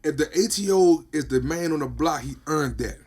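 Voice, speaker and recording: A man's voice: a little high, moderate pace, a little mellow, breathy edge. A man, a podcast host chatting casually and emphatically, often repeating "you feel what I'm saying". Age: 40s. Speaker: podcast host and business owner.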